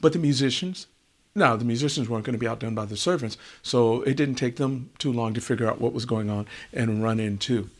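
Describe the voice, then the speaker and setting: A man telling a wisdom tale in an unhurried way, repeating words for effect. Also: medium pitch. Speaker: storyteller.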